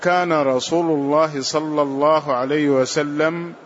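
A man's slightly high voice reads classical religious text in a steady, formal cadence. The recording sounds dull and lo-fi, with a faint hiss underneath. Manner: measured, formal reading with chains of narrators. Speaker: student reading hadith text aloud. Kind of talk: recitation of classical hadith text.

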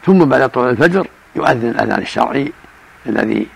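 An older man, a religious scholar, answering questions in a measured, explanatory way. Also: mid-range voice, lively intonation, creaky, slightly rough. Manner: measured, explanatory, chants call-to-prayer examples.

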